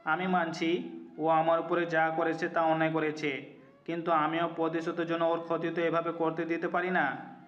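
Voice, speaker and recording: A man playing a remorseful, devoted young lover in a romantic audio story, speaking in an earnest, measured way. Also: on the high side, completely flat delivery, lightly acted. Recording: muffled audio, music behind.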